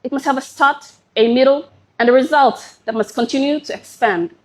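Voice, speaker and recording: A young woman from Papua New Guinea delivering a formal, prepared pageant speech in a poised, measured and deliberate manner. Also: high voice. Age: young adult. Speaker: pageant contestant.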